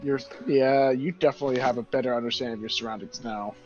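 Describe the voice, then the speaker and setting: A man running a tabletop game as dungeon master, narrating with animated, drawn-out emphasis. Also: medium pitch, lo-fi sound, over loud music.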